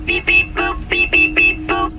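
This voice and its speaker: A performer voicing an earnest, literal-minded lab helper robot with a robot voice, rattling off precise figures deadpan in game audio. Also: measured pace. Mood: beeping. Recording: game audio played over music. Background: game music.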